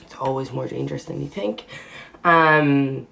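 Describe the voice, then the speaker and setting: A young woman in her twenties chatting rambly in a vlog, full of "like" and "um", her voice hoarse and congested and sometimes fading to a whisper. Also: extremely low pitch, measured pace, fairly bright tone, rough recording. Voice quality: gravelly, sometimes dropping to a whisper. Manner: rambling, peppered with "like" and "um". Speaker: vlogger. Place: at home and in her car.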